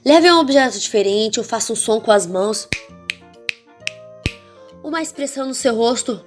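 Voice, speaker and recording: A woman with a Brazilian accent teaching an online course for children's ministry teachers, expressive and speaking straight to the viewer with frequent check-ins. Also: on the high side, normal speed, pauses often, music in the background. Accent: Brazilian Portuguese. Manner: demonstrates varied, theatrical intonation.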